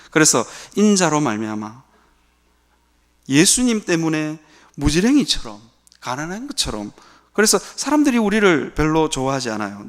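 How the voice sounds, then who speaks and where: A man preaching a sermon as a pastor, asking rhetorical questions and answering them himself. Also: medium pitch. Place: church sanctuary.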